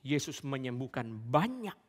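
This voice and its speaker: A man's voice: mid-range voice, sing-song, unhurried. A male pastor preaching a sermon to his congregation, telling stories and often turning to address his listeners directly. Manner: storytelling, keeps addressing the congregation as "saudara". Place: church service. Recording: long church reverb.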